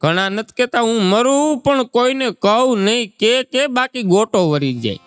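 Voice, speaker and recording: A man's voice: very high-pitched, expressive, normal speed, fairly bright tone. A man on stage mixing jokes with musings on everyday life. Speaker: stand-up comedian.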